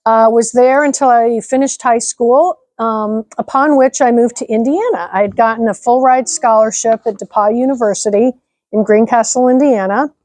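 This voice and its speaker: A woman's voice: fairly high pitch, moderate pace, a little mellow, no echo. A middle-aged woman from Nebraska, a nonprofit director, answering interview questions in an upbeat, articulate way. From Nebraska, United States. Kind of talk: interview conversation.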